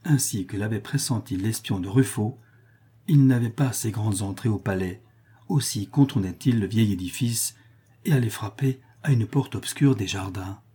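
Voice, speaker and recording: A man reading a literary novel aloud as narrator, in a measured, even manner. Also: lowish voice, husky. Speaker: audiobook narrator.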